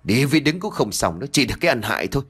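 A man's voice: mid-range voice, sing-song, very fast, fairly bright tone, husky. A man voicing a greedy, spiteful village daughter-in-law who nags and scolds sharply in a storybook reading. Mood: scolding.

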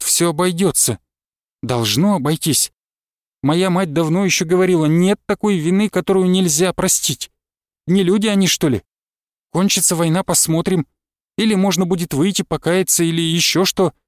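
A man's voice: fairly high pitch, dry recording, clean studio sound, close to an everyday voice. A man voicing a devoted young peasant wife who pleads in an earnest, tender rush of words.

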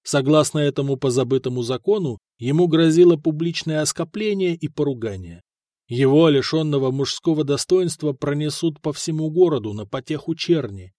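Guy reading an audiobook, slightly high voice, dry close mic. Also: animated, moderate pace, dark tone, dry recording. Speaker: audiobook narrator. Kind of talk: scripted narration.

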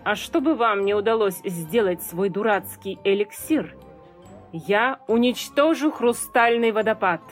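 A woman voicing a spiteful, cackling evil fairy queen who draws out her mocking threats slowly and loudly. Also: medium pitch, soft background music, lightly acted. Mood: spiteful gloating. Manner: slow, drawn-out, mocking threats.

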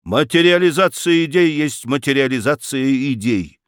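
Casting: man playing a lofty, stern occult count, slow and grand, dry close sound. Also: medium pitch, expressive, fairly bright tone, no echo, pitched above the performer's own voice. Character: smooth, imperious mystic count, man. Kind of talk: audiobook character voice.

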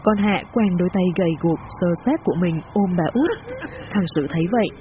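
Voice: mid-range voice, a little fast, slight background noise. A storyteller narrating a horror story in a tense, vivid manner. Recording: muffled recording with loud music bed.

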